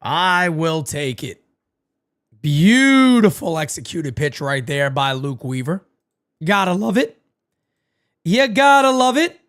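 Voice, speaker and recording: Speaking slowly with long pauses in a fairly high voice, a man hosts a live fan watch party, calling the game play-by-play and talking with viewers. He is losing his voice but still gets excitable, shouting on big plays and swearing freely.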